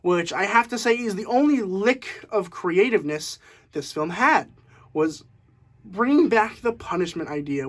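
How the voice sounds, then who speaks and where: Animated young man reviewing a movie. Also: sits high. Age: young adult. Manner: animated, laughing, with frequent fillers. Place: room at home.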